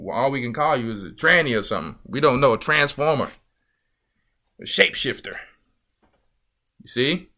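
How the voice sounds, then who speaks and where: A church elder teaches a Bible lesson in a medium-pitched, bright and forceful voice. His sermon-style delivery is emphatic and repetitive, and he keeps asking listeners "you see" to check they follow his point.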